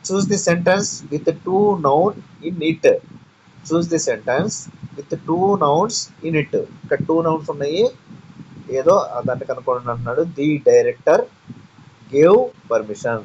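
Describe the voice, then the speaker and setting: A man with a Telugu accent, teaching exam prep, reading each question twice and then adding quick explanations. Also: fairly high pitch, a little mellow, dull audio, slight background noise. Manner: reads each question twice, quick asides in another language.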